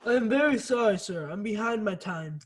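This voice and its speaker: A man's voice: high-pitched, animated, moderate pace, slightly rough. A male performer playing a meek, tender father and clerk in a reader's theatre piece. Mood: apologetic.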